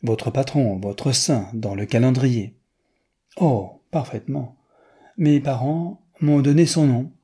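A man reading aloud, voicing an earnest American gentleman who speaks slow, halting, simple French. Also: medium pitch, slightly rough, voice pushed up. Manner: slow, hesitant, simple words.

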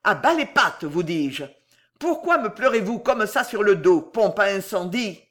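A reader voicing a gruff, blunt young manservant who scolds and threatens loudly in an audiobook. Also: medium pitch, very animated, measured pace. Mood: scolding. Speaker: character in an audiobook. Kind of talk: audiobook character reading.

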